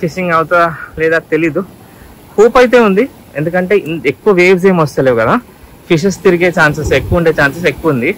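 Recorded at low quality, this fairly high-pitched man talks fast as he narrates a fishing vlog from a rocky shore at night. The vlogger, from Telangana, is casual and excitable, dropping into English phrases, with wind and surf noise in the outdoor camera audio.

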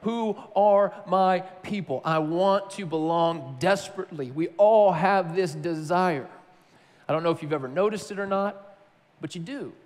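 A man from Tennessee preaching a sermon, telling a personal story in a conversational, animated way. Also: high voice, a little slow, big-room sound. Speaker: pastor.

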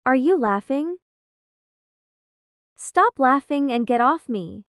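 A woman voicing an excitable, easily flustered young romance heroine in a comic dub. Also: sits high, slow pace, no echo, studio quality, exaggerated voice. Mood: indignant. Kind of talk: dubbed comic dialogue.

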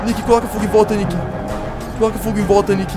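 Brazilian guy screaming orders in a game skit, high voice, loud music behind. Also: fairly even intonation, quick pace. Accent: Brazilian Portuguese. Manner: frantic, yelling orders. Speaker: youtuber voicing his character. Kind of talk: role-play voice acting over game footage. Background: loud background music.

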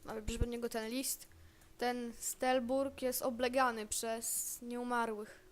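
High-voiced woman muttering through a game. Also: flat delivery, slow. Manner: chatty, thinking aloud and muttering to self. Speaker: gamer. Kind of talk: casual gameplay commentary.

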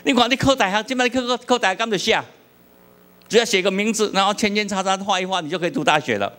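A middle-aged pastor from Taiwan with a Taiwanese accent, preaching a sermon with humorous stories and questions to the congregation. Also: male voice, high voice, quick pace, pushed and bright.

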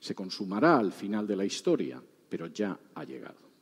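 A man in his sixties from Spain with a Spanish accent teaches the Bible and retells its scenes in lively everyday speech. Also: on the low side, moderate pace, breathy edge. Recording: reverberant hall.

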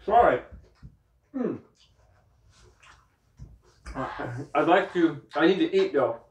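A man's voice: fairly high pitch, expressive, slow, far from the mic, highs cut off. A man chatting casually in a vlog from his bedroom, rambling between topics and talking while he eats. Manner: rambling, talks while eating. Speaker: vlogger. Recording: roomy echo, a little off-mic.

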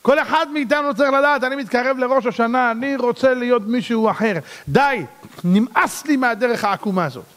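A man, a rabbi, preaching a dramatic sermon, swinging between loud cries and low asides. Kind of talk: sermon to a congregation. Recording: long hall reverb.

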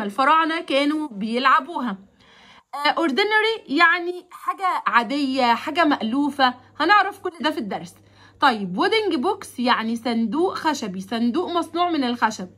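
A woman with an Egyptian Arabic accent teaching a vocabulary lesson to children. She stretches English words out slowly, repeats them for pupils to follow, then explains quickly. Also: high-pitched, bright, forceful tone. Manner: slow, drawn-out English words, fast chatty explanations.

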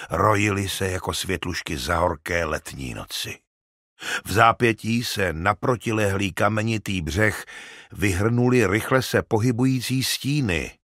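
A man reads an audiobook with dramatic, expressive storytelling. His voice is low and slightly husky, with animated swings of pitch. The studio sound is close and dry, with no room around it. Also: dry recording. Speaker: audiobook narrator. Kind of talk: scripted audiobook narration.

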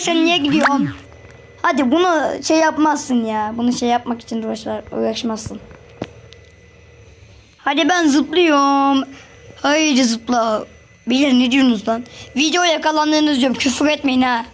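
A woman giving casual gameplay commentary for her channel, excitable and chatty, often repeating words as she talks to other players. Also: sits high. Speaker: gaming channel host.

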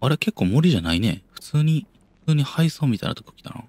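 A man's voice: mid-range voice, big pitch swings, brisk, heavy background noise. Jumpy young man with a Kansai accent. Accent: Kansai Japanese. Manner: jumpy, yelps and mutters to himself, talks himself down. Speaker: game streamer. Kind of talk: horror game commentary.

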